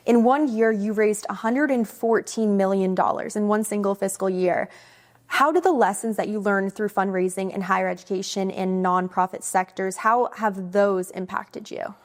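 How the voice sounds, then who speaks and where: A woman hosts an interview series and asks her guest friendly questions. She sounds enthusiastic and often compliments his answers. Her voice sits at an average pitch. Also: moderate pace.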